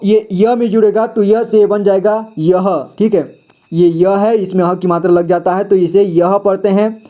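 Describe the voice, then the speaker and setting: A man with a fairly high but mellow, soft-edged voice leads a slow Hindi phonics lesson. He reads each word twice, asks what it should be read as, and answers himself in a steady, patient way. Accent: Indian Hindi. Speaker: Hindi reading teacher. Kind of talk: slow phonics lesson, reading words aloud.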